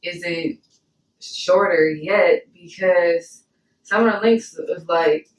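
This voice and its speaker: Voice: medium pitch, slow. A co-host in a casual, candid chat who talks things through reflectively and checks that they are understood. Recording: echoey room, far from the mic.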